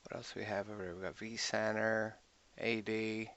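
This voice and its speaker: A man's voice: lowish voice, level tone, normal speed, a bit bright, clean tone, muffled recording. A man giving a casual screen-recorded tech walkthrough, thinking aloud and muttering to himself as he clicks. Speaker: IT tutorial host.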